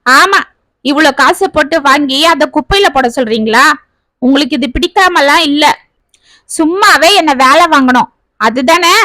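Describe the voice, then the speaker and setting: A woman voicing a sharp-tongued, lazy young daughter-in-law who answers back with scorn in a storybook tale. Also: high voice, normal speed, no echo. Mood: scornful. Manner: snappy, scornful, talks back.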